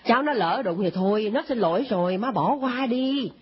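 An actress playing a weary grown daughter who pleads with her mother, with a breathy, raspy voice. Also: a little high, expressive, moderate pace. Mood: pleading. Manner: pleading, placating. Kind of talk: comedy skit acting. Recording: dull lo-fi recording.

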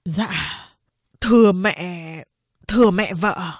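A woman voicing a grim, fierce man who has returned to his family, speaking low and clipped. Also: slow, breathy edge, dry recording, exaggerated voice. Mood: grave. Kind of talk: audiobook character reading.

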